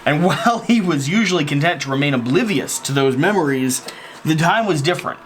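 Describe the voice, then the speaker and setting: A man's voice: on the high side, lively intonation, a little fast, slight background noise. A man playing a cooperative board game, explaining rules emphatically, teasing the others and reading story passages. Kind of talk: casual tabletop play, narrating story text.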